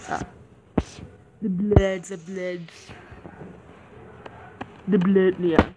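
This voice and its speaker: A young-sounding female-pitched gamer giving casual, excitable gameplay commentary, with difficulty saying R sounds. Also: noisy background. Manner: excitable, exclaims and mutters to self. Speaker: gaming video maker. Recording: game music behind the voice. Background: game music.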